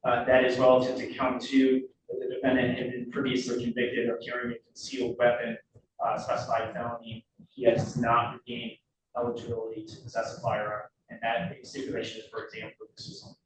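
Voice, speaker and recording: A man's voice: mid-range voice, completely flat delivery, brisk. Male prosecutor in a very echoey courtroom. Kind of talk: formal courtroom questioning. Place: indoor courtroom. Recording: very echoey courtroom, distant mic, clear noise.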